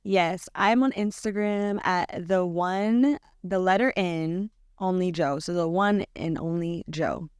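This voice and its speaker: Low, smooth-voiced woman guest. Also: takes it slowly, few pauses, no room sound, clean studio sound. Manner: relaxed, a little hesitant, fills with "like". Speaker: DJ, interview guest. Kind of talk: casual interview chat.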